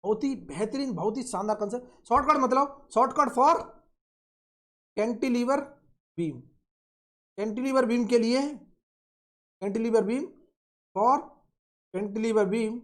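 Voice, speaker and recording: A man teaching engineering in a recorded online lecture, drawing out and repeating key phrases and asking and answering his own questions. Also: high-pitched. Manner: slow, drawn-out repetition of key phrases. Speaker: engineering tutor.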